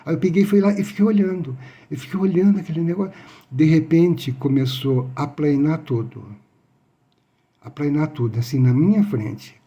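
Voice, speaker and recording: A man telling his personal testimony, halting and repeating his phrases. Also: fairly high pitch, warm tone. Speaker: near-death experience witness.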